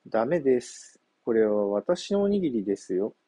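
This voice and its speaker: Small mother crab, firm but trusting, soft husky tone; male narrator voicing her. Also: mid-range voice, very animated, normal speed, dry recording.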